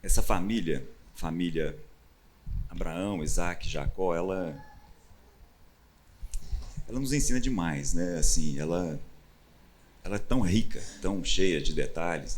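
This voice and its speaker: A Brazilian man with a fairly low voice gives a conversational sermon from a church stage. He teaches in a relaxed, chatty way and grows animated as he acts out the people he quotes. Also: a little hiss or hum. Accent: Brazilian Portuguese. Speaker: pastor.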